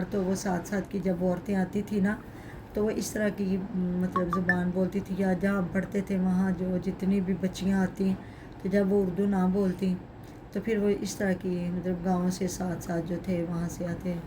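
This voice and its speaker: A woman's voice: mid-range voice, noisy background. A middle-aged woman from Pakistan, chatting casually and explaining customs at length. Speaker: co-host commenting on vlogs. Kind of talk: casual chat.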